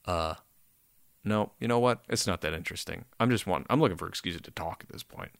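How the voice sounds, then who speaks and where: A very tired, sleepy man with a gravelly voice, hosting a podcast in casual, rambling, self-deprecating solo chat with some casual swearing. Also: low-pitched, a little fast, no echo, clean studio sound. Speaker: podcast host.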